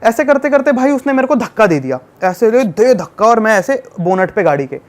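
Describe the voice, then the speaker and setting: A young man from tells a story in a casual chat. His voice sits high for a man, and he talks in an animated, emphatic way, repeating words for effect. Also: a little fast. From Delhi. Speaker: podcast guest.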